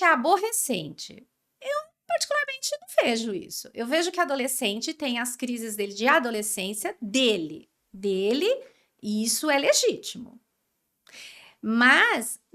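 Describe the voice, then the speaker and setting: A Brazilian woman, a guest expert on emotional education, talks on a conversational podcast interview in a high-pitched voice with a Brazilian Portuguese accent. She explains things animatedly, acting out the words of parents and children.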